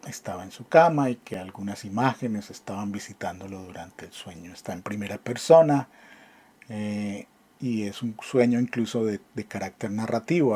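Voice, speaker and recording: Husky, mellow-voiced male professor explaining. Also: fairly low pitch. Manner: explanatory, with frequent fillers and restarts. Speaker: literature professor. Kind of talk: online class lecture.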